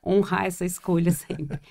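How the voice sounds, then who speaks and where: A woman's voice: fairly low pitch, fairly even intonation, takes it slowly, gravelly, darkish tone. A woman from Florianópolis with its local accent, a therapist co-hosting a podcast, talking reflectively and hesitantly with many fillers. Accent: Florianópolis Portuguese. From Florianópolis, Brazil. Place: small room with three people.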